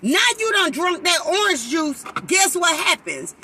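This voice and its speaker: A woman's voice: very high-pitched, sing-song, measured pace, background noise. A woman, preaching in a sermon-style live talk and fervently acting out voices.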